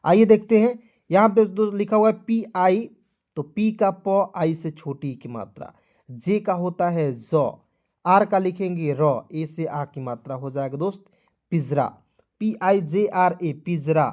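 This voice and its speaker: A man's voice: high-pitched, measured pace, a little mellow, dull audio. A male teacher giving a beginners' spelling lesson, repeating each step and coaxing his viewers along as friends.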